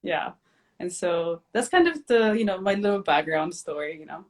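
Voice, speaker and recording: A woman from Ethiopia in her thirties, hosting a casual live chat, relaxed and chatty with many fillers. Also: on the low side, normal speed. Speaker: host, physician.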